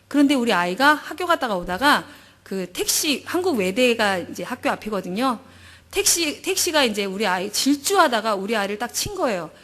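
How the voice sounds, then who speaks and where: A woman's voice: fairly high pitch, a bit bright. A middle-aged woman, a pastor's wife, gives an emotional church testimony, acting out her own prayers as she tells the story.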